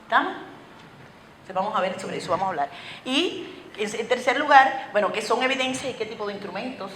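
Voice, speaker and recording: A woman with a Cuban accent giving a lively, very fast lecture to teachers, asking many rhetorical questions. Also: a little high. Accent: Cuban Spanish. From Cuba. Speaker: conference speaker. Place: school auditorium. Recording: echoey hall with faint noise.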